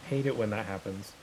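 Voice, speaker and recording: A man's voice: lowish voice, heavy background noise. A young man chatting casually while streaming a game, rambling with restarts and laughs. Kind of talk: casual gameplay commentary.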